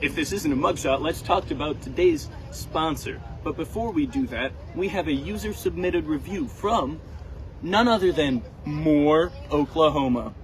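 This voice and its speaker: A man's voice: on the high side, a little slow. A man giving a rambling, informal mock news field report, partly improvised, as a reporter. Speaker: field reporter in a parody broadcast. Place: outdoors near passing vehicles. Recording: noisy outdoor field recording with vehicles. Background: passing vehicles and outdoor noise.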